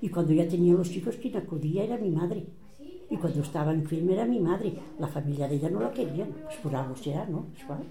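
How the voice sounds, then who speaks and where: Older Catalan woman with a very dark voice. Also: fairly low pitch, quick pace, echoey room. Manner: animated, acts out quoted voices. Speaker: relative recounting family history. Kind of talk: oral family storytelling.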